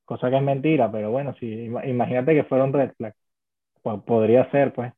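A man's voice: medium pitch, steady tone, fairly quick, phone-quality sound. A man with a Venezuelan accent co-hosting a podcast in casual chat, blunt and swearing freely. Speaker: podcast co-host.

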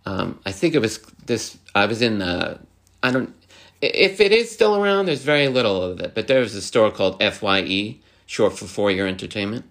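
A young man chatting casually as a podcast co-host. He rambles and restarts a lot, full of fillers, and gets animated when he mimics other people. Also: fairly low pitch, normal speed. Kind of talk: casual chat.

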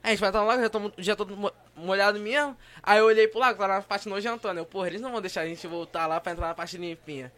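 Fast, bright-voiced young carioca man. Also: sits high. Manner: animated, slangy, laughing storyteller. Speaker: podcast co-host. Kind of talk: casual storytelling among friends.

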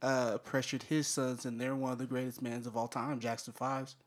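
A man's voice: mid-range voice, flat delivery, moderate pace. A man chatting on a podcast, making brief, hesitant remarks. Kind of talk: casual chat.

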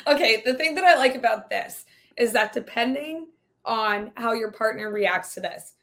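A woman's voice: a little high, expressive, normal speed, a bit bright. A woman co-hosting a casual sports betting podcast, upbeat and chatty, laughing often. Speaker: podcast co-host.

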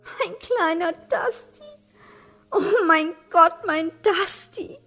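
A woman reading an audiobook, voicing a young woman who is crying in grief, her voice high and tearful. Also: slow, bright, forceful tone, soft background music, full character voice. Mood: sobbing. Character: sobbing young woman grieving her dog.

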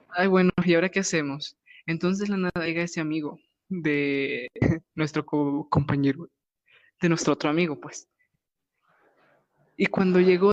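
A young adult podcast co-host with a northern Mexican Spanish accent, telling a party story in slangy, animated casual chat and acting out what people said. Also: mid-range voice, no room sound. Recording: dull, dry lo-fi podcast audio.

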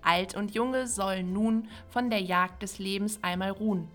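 A woman's voice: mid-range voice, fairly even intonation, a bit bright, faint music behind. Woman reciting a Christmas poem. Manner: rhythmic, measured recitation.

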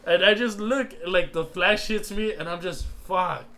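High-voiced young man telling rambling stories. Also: normal speed, pushed and bright. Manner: rambling, peppered with "like" and "right?". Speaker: podcast co-host. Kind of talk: casual storytelling chat.

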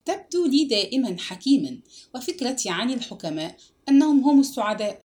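Determined young woman, voiced by the narrator, plain and steady. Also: fairly high pitch, a little fast. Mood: firm. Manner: firm, steady.

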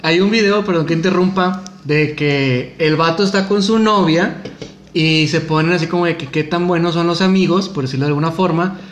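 A man's voice: on the high side, brisk, echoey room. A young Mexican man hosting a casual chat, joking and butting in with crude slang.

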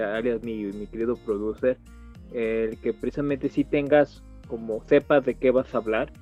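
A man chats as a podcast guest, animated and full of stops and restarts as he tells his stories. His voice sits at an ordinary pitch for a man, and the sound is dull and lo-fi, with faint music behind. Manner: animated storyteller, halting restarts. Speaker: podcast guest, video creator. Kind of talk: casual podcast chat.

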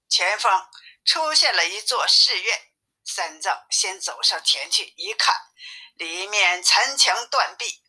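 A woman reading a classic story aloud in a lively manner, shifting her voice for each character. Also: mid-range voice, slightly rough. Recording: tinny phone-like sound.

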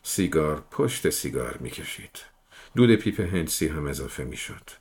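Deep-voiced man reading a novel. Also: big pitch swings, darkish tone. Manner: measured first-person storytelling. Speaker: audiobook reader.

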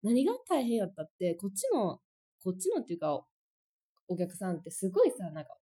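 A woman's voice: mid-range voice, a little fast, breathy edge. A young woman with a Kansai accent chatting casually as a podcast co-host, telling stories and acting out what people said. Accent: Kansai Japanese. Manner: lively storyteller, acts out quoted lines. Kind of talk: casual chat.

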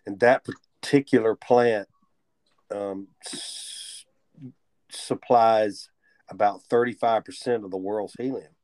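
A man co-hosting a podcast in casual chat, easygoing and quick to laugh, rambling through his thoughts. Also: on the low side, fairly even intonation, a little mellow, no room sound. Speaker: podcast co-host.

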